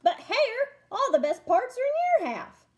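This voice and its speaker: A woman's voice: very high-pitched, wildly swooping pitch, measured pace, voice pushed up, full character voice. A woman voicing a lazy, gullible male bear from a children's storybook, drawling and grumbling. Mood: aggrieved.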